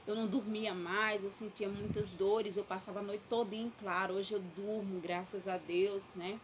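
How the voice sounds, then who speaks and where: A woman's voice: mid-range voice, steady tone, normal speed. A woman giving an emotional, earnest personal faith testimony from her bedroom. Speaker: testimony speaker. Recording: loud background noise.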